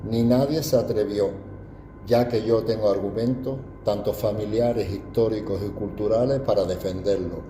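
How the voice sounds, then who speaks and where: A man's voice: lowish voice, fairly even intonation, moderate pace, warm tone, reverberant, a little hiss or hum. An older man from Andalusia with an Andalusian accent, giving a proud, reflective personal testimony. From Andalusia, Spain.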